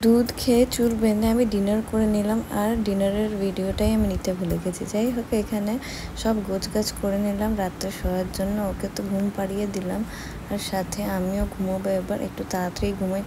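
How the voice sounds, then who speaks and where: A woman's voice: medium pitch, little pitch movement, brisk. A young woman, a new mother, narrates her day in a chatty, matter-of-fact vlog voice-over. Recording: noisy voice-over recording.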